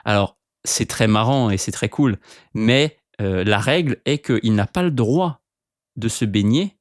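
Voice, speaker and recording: A man hosting a casual solo podcast, telling stories in an animated way with lots of filler sounds, recorded at home in front of a bookshelf. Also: on the low side, unhurried, no room sound, clean studio sound. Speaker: podcast host.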